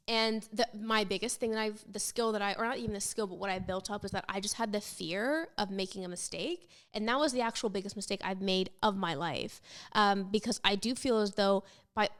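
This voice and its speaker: A young woman hosting a podcast, giving candid, rambling advice in a casual, conversational way with vocal fry. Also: mid-range voice. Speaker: podcast host. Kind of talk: casual advice chat answering listener questions. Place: apartment set up as podcast studio.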